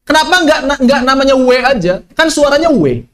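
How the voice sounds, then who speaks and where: A man teaching an online tajwid lesson, lively, asking questions and answering them himself. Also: very high-pitched, fairly quick. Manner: lively, asks and answers his own questions. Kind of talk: online Quran recitation lesson.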